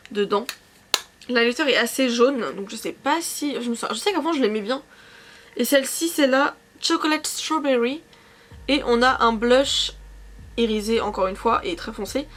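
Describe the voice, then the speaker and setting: A young woman in her twenties with a slightly high voice talks through her makeup in a relaxed, chatty way. She rambles, corrects herself mid-sentence and leans on fillers, speaking into a camera mic at home. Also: a little hiss or hum. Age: 20s. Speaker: beauty vlogger. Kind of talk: casual makeup chat. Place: sitting on her couch at home.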